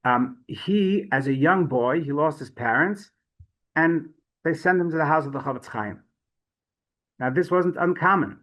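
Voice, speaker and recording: A man teaching a Torah class, telling stories in a chatty way with frequent restarts and lively swings in pitch. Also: measured pace, poor audio. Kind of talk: storytelling Torah lesson.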